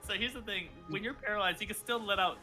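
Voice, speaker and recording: A man's voice: high-pitched, fast, bright, forceful tone, faint music behind. A man chatting casually and narrating a tabletop game as its game master.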